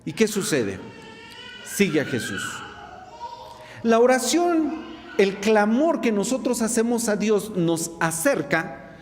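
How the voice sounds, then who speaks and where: A man's voice: sits high, sing-song, slow, pauses often, in a large hall. A man preaching a sermon to his congregation, asking them rhetorical questions. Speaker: pastor.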